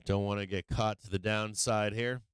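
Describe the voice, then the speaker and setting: Guy hosting a live trading stream, sweary and blunt, kinda low clean voice, super dry close sound, stumbles and restarts. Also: fairly even intonation, moderate pace, clean tone, dry recording. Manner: blunt, profane. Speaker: host of a live stock trading show. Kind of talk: casual live trading commentary.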